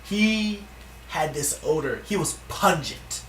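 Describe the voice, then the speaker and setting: Animated man ranting in an echoey room. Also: fairly high pitch, takes it slowly, distant mic, slight background noise. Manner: animated, profane, ranting storytelling. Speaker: vlogger. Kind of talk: casual storytime vlog.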